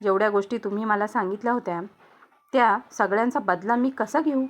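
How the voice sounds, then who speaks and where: A woman's voice: mid-range voice, brisk, close to an everyday voice. A woman storyteller voicing a young daughter-in-law who answers respectfully but stands up for herself. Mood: indignant. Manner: pleading, then indignant.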